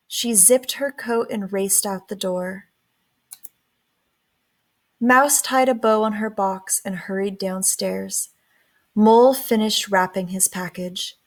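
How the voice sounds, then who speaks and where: In a mid-range voice, a woman reads a children's story aloud, and her storytelling is deliberate and full of expression.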